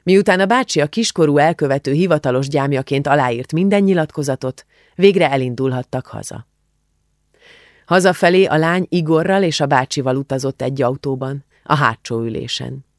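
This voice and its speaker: A man reading an audiobook as narrator, telling the story in a measured, expressive way. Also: fairly high pitch, no echo, studio quality. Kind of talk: scripted narration.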